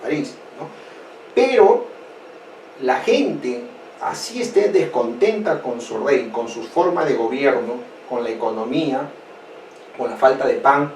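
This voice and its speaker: A man from Peru teaching a history lesson online, asking his students rhetorical questions in an animated way. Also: mid-range voice, measured pace. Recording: echoey room, distant mic, faint noise.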